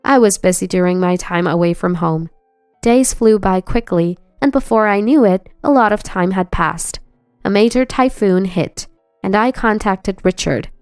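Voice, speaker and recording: A woman tells a first-person story in an even, scripted narration. Her voice is smooth and clear at a middle pitch, recorded dry and close. Faint music plays behind her. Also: moderate pace, no room sound.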